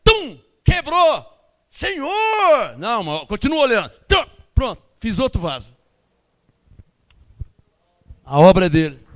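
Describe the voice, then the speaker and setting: A man preaching a sermon as pastor with a Brazilian Portuguese accent, emphatic and animated, switching between loud outbursts and quiet asides. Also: very high voice, a little slow.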